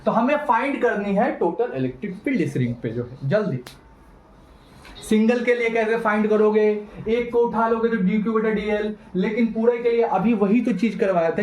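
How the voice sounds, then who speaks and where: A man teaching a physics lesson, animated and teasing, talking straight to his students. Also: high voice, echoey room, rough recording. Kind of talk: classroom lecture.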